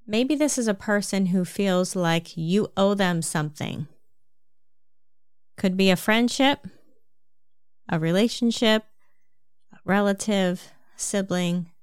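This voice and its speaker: Woman, New Jersey accent, self-help talk, unhurried, very smooth clear voice, dry close sound. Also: medium pitch, no echo. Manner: calm, measured, explanatory.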